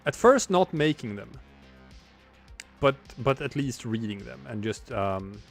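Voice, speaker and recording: A man in his forties, a streamer and comic artist, chats casually on a livestream while drawing, rambling reflectively and restarting often. His medium-pitched voice is expressive and unhurried, with vocal fry, and faint music plays in the background.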